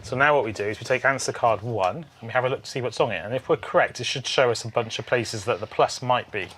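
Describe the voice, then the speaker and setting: A man's voice: medium pitch, fast, a bit bright, husky. A man hosting a puzzle game playthrough, chatting casually with dry, wry humour as he thinks aloud.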